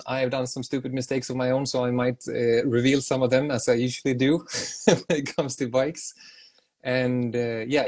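A man hosts a relaxed live interview in a chatty, easygoing way. He pokes fun at himself and repeats words as he gathers his thoughts. His speech is mid-pitched and ordinary. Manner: chatty, self-deprecating, repeats words while thinking. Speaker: interview host. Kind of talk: casual interview hosting.

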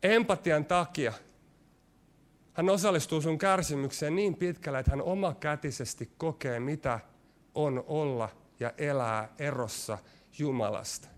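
Guy giving a sermon, kinda high voice, speeds up then goes slow and quiet. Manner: varied delivery, rushing ahead then dropping to slow, hushed lines. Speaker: preacher.

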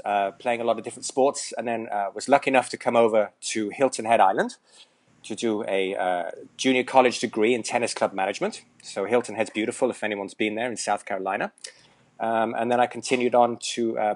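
A Welsh tennis coach in his forties chats casually as an interview guest, joking and rambling with plenty of fillers and restarts. His voice is medium-pitched and steady, and he talks fairly quickly.

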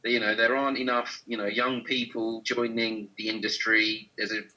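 Bright-voiced man hosting a podcast. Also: fairly low pitch, normal speed, muffled recording. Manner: relaxed, chatty, many ums. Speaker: podcast host. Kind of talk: casual podcast interview.

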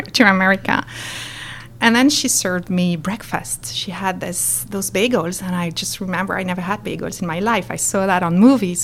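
A middle-aged Frenchwoman with a lowish voice and a French accent is a guest in an interview, telling her story with animation. She's expressive and acts out the quotes as she goes. There's slight background noise.

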